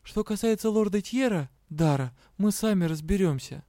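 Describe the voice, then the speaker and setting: A man's voice: high-pitched, animated, normal speed, warm tone, dry recording, clean studio sound, pitched above the performer's own voice. A man reading an audiobook, voicing a bold young female magic student. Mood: firm.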